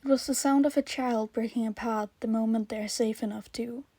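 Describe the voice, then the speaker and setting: A woman reading fan fiction aloud in a soft, earnest storytelling manner. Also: a little high, fairly even intonation, moderate pace, no echo. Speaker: podfic reader. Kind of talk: scripted narration of fan fiction.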